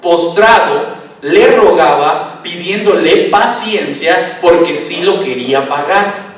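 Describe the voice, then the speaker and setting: Pastor, man, animated sermon, high voice, echoey hall from far off. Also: slow. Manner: animated, acts out voices in parables, asks congregation questions. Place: large church hall.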